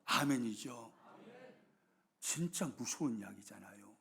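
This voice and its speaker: Gravelly-voiced pastor preaching dramatically. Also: male voice, mid-range voice, expressive, measured pace. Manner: dramatic swings from loud emphasis to hushed whispers. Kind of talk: sermon.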